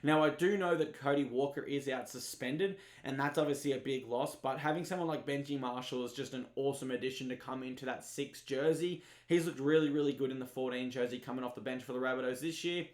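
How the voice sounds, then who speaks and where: A man's voice: mid-range voice, fast talker, hardly any pauses. Chatty Australian guy, echoey room. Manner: casual, chatty, keeps saying "guys". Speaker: rugby league tipster. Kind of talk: informal tipping preview.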